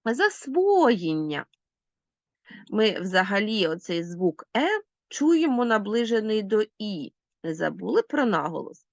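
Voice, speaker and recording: A woman teacher talks her pupils through a recorded lesson, stretching out example words so every sound is heard. Her pitch moves a lot, up and down, and her voice is captured dry, with no room sound. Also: animated, dry recording, muffled recording. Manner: clear, deliberate enunciation, slowing to spell out sounds. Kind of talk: recorded language lesson for schoolchildren.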